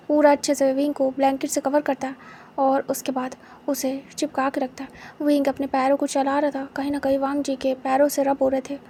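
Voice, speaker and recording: A young woman narrating a story in a soft, unhurried, intimate way. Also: sits high, slight background noise. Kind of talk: story narration in Hindi with English words.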